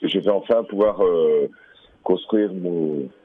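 Speaking slowly in a low voice, a man on a tinny phone line plays a game explorer during a call to a radio show. He comes across hesitant and distracted while describing what's in front of him.

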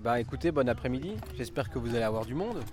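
A male radio reporter with a mid-range voice runs a casual on-location interview. He talks quickly and informally, prompting with short questions. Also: mid-range voice, animated, music in the background. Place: outdoors in town.

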